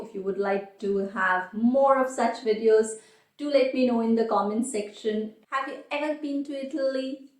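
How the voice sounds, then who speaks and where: A woman teaching a beginner Italian lesson, saying each word slowly and carefully and repeating it. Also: on the high side, a little mellow, roomy sound. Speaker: language teacher.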